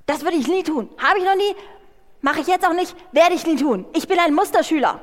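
Brief: insistent male apostle, model pupil, put on by a woman preacher, pitched up, echoing hall. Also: animated, fairly quick. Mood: indignant. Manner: indignant, insistent protests.

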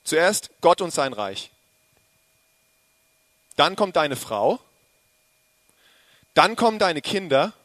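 A man delivers a sermon in a lively, joking way and turns straight to his listeners. His voice sits a little high for a man. The sound is dry and close, with almost no room echo. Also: slow pace, long pauses. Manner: lively, joking, addressing the congregation directly. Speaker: preacher.

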